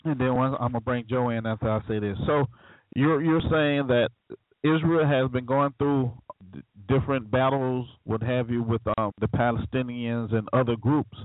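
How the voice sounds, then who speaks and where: Man, call-in radio host, halting, rambling questions, dry, phone-like. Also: medium pitch, no echo. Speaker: talk show host.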